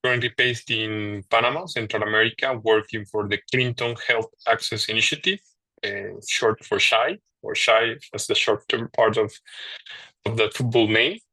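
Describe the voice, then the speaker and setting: Colombian man with a bright voice. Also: fairly low pitch, fairly even intonation, moderate pace, no room sound, poor audio. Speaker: panelist. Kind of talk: webinar introduction.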